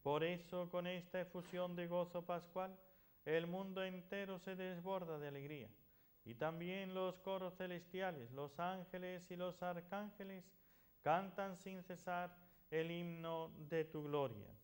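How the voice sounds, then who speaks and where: Male priest, notably high voice, delivering formal Mass prayers. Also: fairly even intonation, measured pace. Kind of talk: liturgical prayer recitation.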